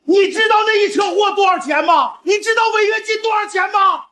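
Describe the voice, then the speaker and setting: A man doing a shrill, bullying trucking boss. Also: big pitch swings, fairly quick, exaggerated voice. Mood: raging. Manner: domineering, yelling insults. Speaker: company boss.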